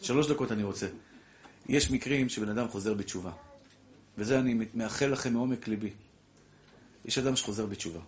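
A middle-aged man, a rabbi giving a lively Torah class who preaches through rhetorical questions and calls his listeners fondly. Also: mid-range voice, pauses often. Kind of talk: animated Torah lecture.

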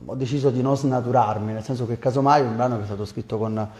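A man's voice: medium pitch, steady tone, fast talker, a little mellow. A man from Campania with a Neapolitan accent, a singer explaining himself conversationally as an interview guest, with some hesitation. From Campania, southern Italy. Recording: roomy, echoing sound.

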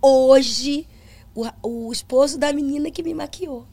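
A woman's voice: high voice, a little slow, dark tone. A woman pastor with a Brazilian accent, earnestly telling a personal testimony in conversation and acting out the dialogue she remembers. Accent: Brazilian Portuguese.

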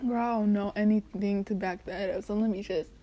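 A woman's voice: mid-range voice, fairly even intonation, fairly quick, lo-fi sound, background noise. A woman chatting to camera in a casual solo vlog, rambling and drifting between normal talk and whispers, her voice going dry and failing. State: losing her voice, dry-throated. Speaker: vlogger.

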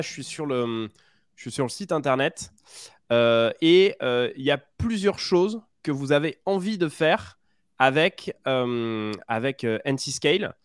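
A man of middling pitch hosts a podcast interview, asking questions in a loose, hesitant way full of fillers. The recording is dry, with no room echo. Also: smooth. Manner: hesitant, many fillers, self-deprecating. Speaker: podcast host.

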